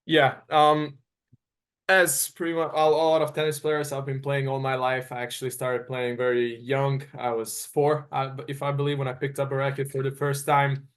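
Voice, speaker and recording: A man's voice: medium pitch, little pitch movement, moderate pace. A young man in his twenties from Serbia, a native Serbian speaker, answering interview questions earnestly and often restarting as he searches for words. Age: 20s. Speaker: guest college tennis player.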